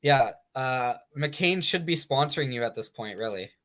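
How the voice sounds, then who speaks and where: A man's voice: mid-range voice, animated, normal speed, fairly bright tone. A man hosting a sports betting podcast, chatting casually with many fillers and restarts. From Canada. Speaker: sports betting show host.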